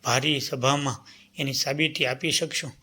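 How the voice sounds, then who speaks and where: Wise court priest from a folk tale, grave and deliberate, bright voice, played by a male narrator. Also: mid-range voice, fairly even intonation.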